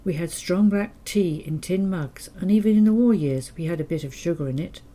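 An elderly woman reads from her memoir in a low, mellow voice. Her telling is gentle and quietly wry. She keeps an even storyteller's pace. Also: fairly quick. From England. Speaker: memoir narrator. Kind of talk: reading a childhood memoir.

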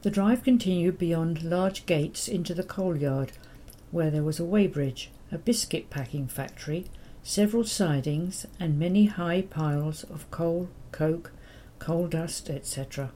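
An elderly woman reads from her memoir in a low, mellow voice. Her telling is gentle and quietly wry. She keeps an even storyteller's pace. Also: a little slow, hardly any pauses, slight background noise. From England. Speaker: memoir narrator. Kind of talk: reading a childhood memoir.

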